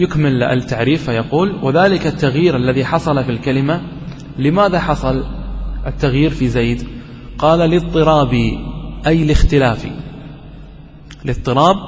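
A man's voice: fairly high pitch, moderate pace, pauses often, muffled recording. Man teaching grammar in an echoing hall. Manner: asks the class questions and answers them himself, repeats key phrases. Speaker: sheikh teaching Arabic grammar. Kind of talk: classroom lesson explaining a grammar poem.

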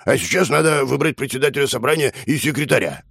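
A man's voice: medium pitch, expressive, quick pace, vocal fry, a bit bright, husky, dry recording, studio quality, heavily acted. An actor playing an earnest elderly male pensioner who speaks in stiff, official phrases in a radio play. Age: older.

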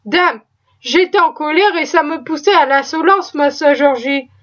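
Woman reader as a talkative, pious cook with a high voice, folksy and full of exclamations, on a dull lo-fi recording. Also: moderate pace, fairly bright tone. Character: proud, chatty, pious female cook.

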